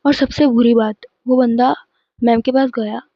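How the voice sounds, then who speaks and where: A woman's voice: on the high side, fairly even intonation, normal speed, no room sound, muffled recording. A teenage girl casually telling a personal school story to her viewers, emphatic and chatty. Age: teens. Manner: chatty, emphatic retelling with frequent restarts.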